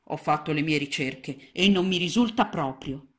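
A good-natured father frog from a storybook, who speaks calmly and reassuringly in a lowered voice, as a woman narrator puts him on. He is steady and kind, the reasoning half of the frog couple. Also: normal speed, lightly acted. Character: good-natured male frog, husband and hunter.

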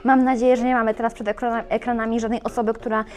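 A woman hosting a plant shop video, talking in a playful, chatty and animated way. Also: on the high side, rapid-fire. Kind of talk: casual video presenting plants.

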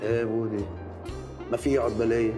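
A man's voice: medium pitch, flat delivery, fairly quick, natural voice. A man in a dubbed TV drama, speaking in a reassuring way. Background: music score.

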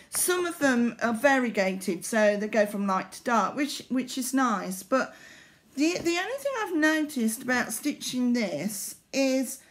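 Slow-talking middle-aged woman, hesitant. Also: a little high. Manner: hesitant, rambling. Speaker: needlework vlogger. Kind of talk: casual chat to camera. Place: small living room indoors.

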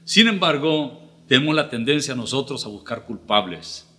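A middle-aged man, preaching an earnest, measured sermon with pauses as pastor. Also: mid-range voice, lively intonation, sharp tone. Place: church livestream.

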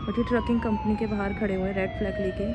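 A woman's voice: medium pitch, fairly even intonation, fast talker. A young woman from India, a truck driver, chatting casually to her phone camera as she works, mixing English words into her talk. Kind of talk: casual vlog narration. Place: outdoors at a truck yard, then in a truck cab. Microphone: phone camera, held or mounted. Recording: loud outdoor and vehicle noise. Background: loud traffic and engine noise.

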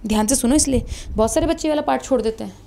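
A young woman teaching a biology exam-prep class. Her voice sits fairly high but sounds mellow and warm. She coaxes her students along and keeps throwing questions at them. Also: racing, vocal fry. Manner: animated and coaxing, asks students questions, calls them beta.

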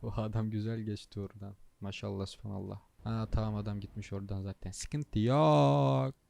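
A man's voice: fairly low pitch, completely flat delivery, fast, vocal fry, warm tone. A tired young man hosting a gaming channel, chatting casually while he plays and grumbling at the traffic, swearing under his breath. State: tired, low on energy. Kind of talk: casual gameplay commentary.

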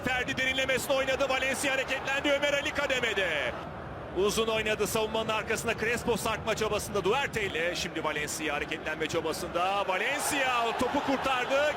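Male football commentator, very high excited pitch, screaming delivery at chances, over loud stadium noise. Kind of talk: live football match commentary. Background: stadium ambience.

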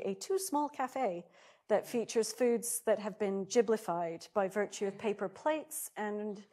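A woman's voice: mid-range voice, a little mellow. A woman lecturer gives an academic seminar talk, mostly reading from a prepared script and breaking off now and then to correct small slips. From United Kingdom.

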